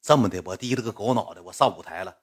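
Husky Northeastern Chinese man telling a story. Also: lowish voice, racing. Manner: lively, chatty, dialect-heavy. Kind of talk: casual comic storytelling.

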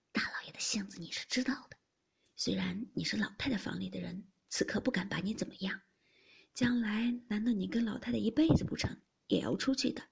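A woman voicing a practical young maidservant who gives hushed, confiding advice, with a husky, breathy voice. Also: mid-range voice.

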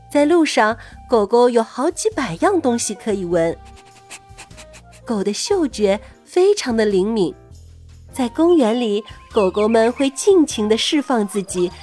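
A woman storyteller reads as if to a toddler. Her voice sits fairly high and swings widely in melody. She explains things simply, speaks straight to the child and draws out her little sentence particles, with music playing behind her. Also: darkish tone, husky. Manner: reading to a toddler, simple words with drawn-out particles and direct address. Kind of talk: scripted educational narration for young children.

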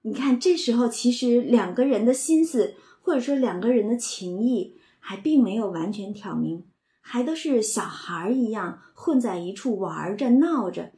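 A woman talks through a classic novel in a relaxed, conversational way, retelling scenes and slipping into the characters' lines. Her voice sits a little high, and she leans on filler words as she explains. The recording carries a noticeable roomy echo. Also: moderate pace. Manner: retells scenes, slips into quoted dialogue, frequent filler words. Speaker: literature commentator.

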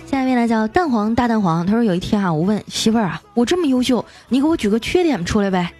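A high-leaning, animated female voice with a dark tone and a breathy edge reads listener jokes as music plays faintly behind. The radio host is playful and chatty, with her own teasing asides full of drawn-out particles.

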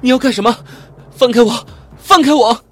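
A man's voice: very high-pitched, moderate pace, faint music behind, pitched above the performer's own voice. A man voicing a frightened young woman wrongly jailed, pleading and panicked, in an audiobook. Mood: desperate. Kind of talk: audiobook character voice.

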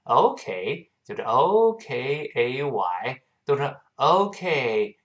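A man teaching English pronunciation in a recorded lesson, slowly demonstrating sounds and repeating words over and over. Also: mid-range voice, very animated.

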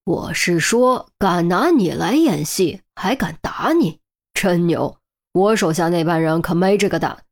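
A woman's voice: fairly low pitch, normal speed, a little mellow, lightly acted. A woman voicing a stern, scheming male section chief who scolds sharply and teases in banter, reading an audiobook story. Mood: teasing.

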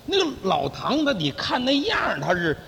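A man's voice: high voice, wildly swooping pitch, normal speed, gravelly, in a large hall, noisy background, exaggerated voice. A male crosstalk comedian, playing a smug, self-important fixer who boasts of connections and bosses his partner around. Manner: blustering, bossy, talks down to his partner.

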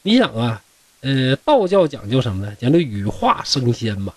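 A man's voice: mid-range voice, very animated, normal speed, no room sound, recorded from a distance. A man from Shenyang with a Northeastern Mandarin accent, telling classic tales as a host in a chatty way with joking asides to listeners. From Shenyang, Liaoning. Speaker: storyteller host. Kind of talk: colloquial classic-tale storytelling.

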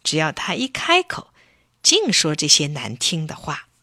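A woman narrating a children's story with an expressive, animated reading. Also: sits low, unhurried, no room sound, studio quality.

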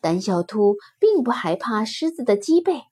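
A woman hosting a children's story session, narrating gently and expressively in a sing-song way. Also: fairly high pitch, very animated, normal speed, husky.

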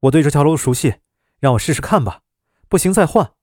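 A man voicing a calm, self-assured young woman driving instructor in a spoken story, raising his voice higher for her cheerful requests. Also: brisk, breathy edge, no room sound, clean studio sound. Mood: breezy.

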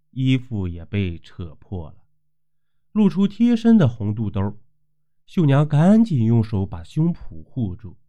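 A man narrating a folk tale in a lively, expressive way, with frequent exclamations. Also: on the low side. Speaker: storyteller. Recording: dull lo-fi recording.

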